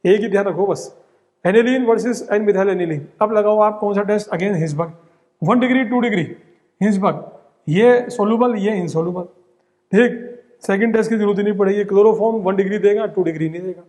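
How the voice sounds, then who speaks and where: A young chemistry teacher with a high, slightly mellow voice rushes through exam-prep material in a rapid, drilling style, repeatedly saying "ठीक" and "बहुत simple" and constantly checking in with students. A long reverb on his voice suggests a large lecture hall.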